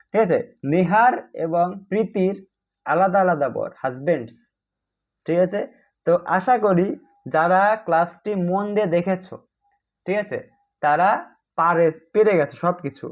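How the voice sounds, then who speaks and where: A man teaching an exam-prep grammar class online in a chatty way, often checking if students follow and calling them brother. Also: sits high. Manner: chatty, keeps asking "ঠিক আছে?"; addresses students as "bhai", mixes English terms. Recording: tinny phone-like audio.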